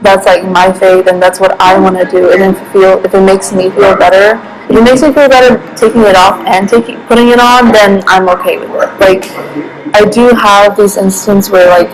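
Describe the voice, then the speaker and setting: A woman's voice: mid-range voice, fairly even intonation, normal speed, poor audio. A young woman answering interview questions casually, rambling with many fillers and restarts. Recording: background music.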